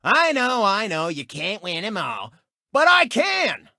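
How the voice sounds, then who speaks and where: A smug, gloating cartoon race car hosts a video game sportscast, a theatrical showman with a bright, brassy edge. He speaks slowly and in a heavily acted style, his pitch swinging wildly as he announces and taunts. The sound is close and dry, with no echo.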